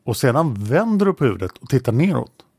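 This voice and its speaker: A man's voice: mid-range voice, sing-song, a little mellow, slightly rough, dry recording, studio quality. A man reading a probing police inspector. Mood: questioning. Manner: probing, repeats answers back as questions. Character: male police inspector questioning a witness. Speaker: interrogator in a read-out police protocol.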